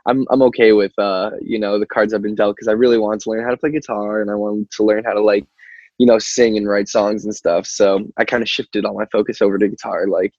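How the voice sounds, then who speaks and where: Brisk and level, his lowish, darkish voice carries a young Albany, New York band singer's casual interview chat. Filler words such as "like" and "you know" pepper his rambling, and he laughs easily. Recording quality is muffled and roomy, similar to a call.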